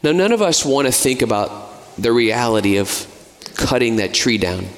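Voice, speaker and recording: A man's voice: mid-range voice, big pitch swings, normal speed. An American man preaching a sermon in a conversational way, with casual asides and fillers. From United States. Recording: long hall reverb.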